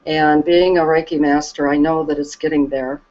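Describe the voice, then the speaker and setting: A woman talking slowly and reflectively about her calm as a Reiki practitioner, soft and hesitant with many pauses and restarts. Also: sits low. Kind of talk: slow reflective conversation. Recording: dull lo-fi recording.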